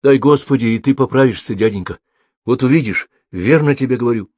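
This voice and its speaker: A man's voice: mid-range voice, fairly quick, darkish tone, no room sound, pitched above the performer's own voice, lightly acted. A man voicing an earnest village boy. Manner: earnest, eager.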